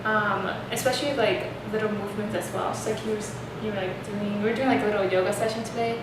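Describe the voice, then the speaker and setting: A woman's voice: medium pitch, steady tone, fast. Rambling young woman host in echoey room. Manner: rambling, many fillers like "like". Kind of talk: casual chat. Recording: echoey room, distant mic, noisy.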